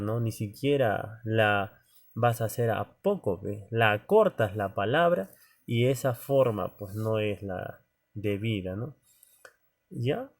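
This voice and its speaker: A male teacher lecturing students informally, checking in with frequent tag questions and fillers and speaking to them directly. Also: mid-range voice. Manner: conversational, many "¿no?" tags and fillers; addresses students directly as "joven".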